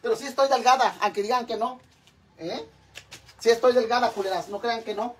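A middle-aged woman, Mexican Spanish accent, speaks fairly quickly in a fairly high voice with a breathy edge. She's live-streaming a crude, joking cooking chat from her home kitchen and refers to her viewers as sisters.

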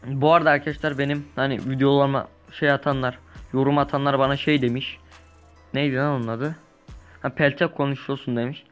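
A young man casually commenting while he plays a survival game, rambling, correcting himself and breaking into lively bursts. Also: mid-range voice, a little fast, clear, resonant tone, faint music behind. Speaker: gaming YouTuber. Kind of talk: casual let's-play commentary.

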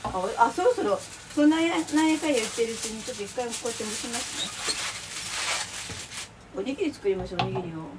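A woman's voice: a little high, animated, fast. A middle-aged woman chatting away while she cooks lunch boxes in her home kitchen, rambling, exclaiming and laughing as she works. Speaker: vlogger cooking lunch boxes. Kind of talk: casual chat while cooking. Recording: distant mic, clear kitchen noise.

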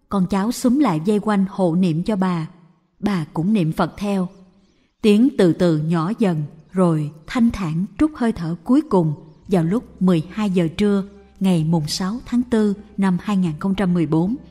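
A woman slowly and calmly reading a Buddhist story aloud. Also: medium pitch, breathy edge. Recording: reverberant with faint music.

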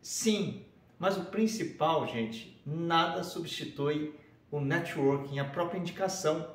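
A man's voice: a little high, slow pace. Upbeat São man, echoey room. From Brazil. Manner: upbeat, addresses viewers directly. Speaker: professional speaker. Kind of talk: casual direct-to-camera pitch. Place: indoor studio room with shelves.

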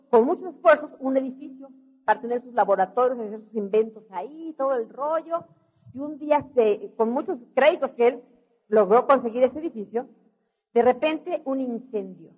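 A middle-aged woman with a Mexican accent giving an animated motivational storytelling talk, acting out voices. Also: sits high. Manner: animated, acts out quoted voices. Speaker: motivational speaker. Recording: dull lo-fi recording.

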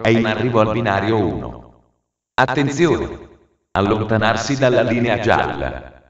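A man giving automated train announcements as a railway station announcer, in a formal, measured way with segmented phrasing. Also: lowish voice. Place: large railway station, heard over loudspeakers. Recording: muffled, very echoey station PA, distant.

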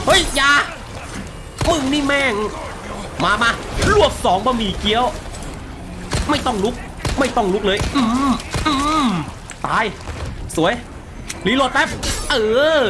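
A young man talks over his horror game in a lively, swinging voice that jumps up and down in pitch. He is excitable and crude, swearing at enemies and joking as he plays. A faint hiss sits under the desk mic. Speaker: gaming streamer. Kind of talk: live game commentary.

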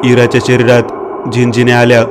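A man narrating a horror story in a steady, even-toned scripted reading. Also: medium pitch, fairly quick, background noise.

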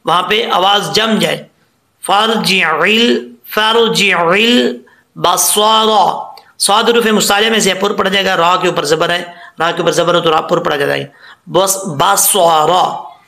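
A man's voice: high-pitched, steady tone, brisk, vocal fry, pushed and bright, roomy sound. A man teaching Quran recitation rules, patiently explaining each letter and drawing out the example words to demonstrate them. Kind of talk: tajweed lesson.

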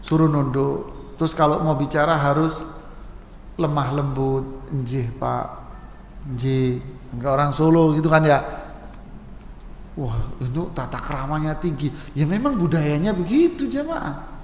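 A man preaching at a mosque study session, answering questions in a relaxed, joking way and mimicking regional speech for laughs. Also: a little high, moderate pace, a little hiss or hum. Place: mosque hall. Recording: echoey mosque hall with long reverb, faint ambience.

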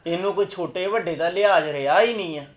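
A woman's voice: fairly low pitch, fast talker, close to an everyday voice. A woman playing a stern, protective young husband in a family drama, scolding. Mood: angry. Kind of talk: amateur family drama acting.

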